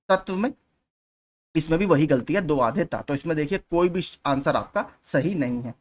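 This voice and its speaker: A man teaching exam preparation, going through spelling questions one at a time and patiently repeating the key points. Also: fairly high pitch.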